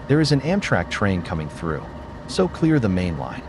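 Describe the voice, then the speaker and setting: A man's voice: sits low, wildly swooping pitch, moderate pace, noisy background. A man voicing a male railroad dispatcher, giving clipped official calls over a radio transmission.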